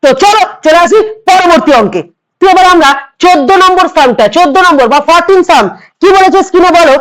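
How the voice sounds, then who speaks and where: Woman, math tutor, West Bengal Bengali accent, hoarse, very high voice, repeats every step. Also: animated, fast talker, poor audio. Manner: repeats each step, coaxing students along. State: hoarse from a cold. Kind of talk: online exam-prep math lesson.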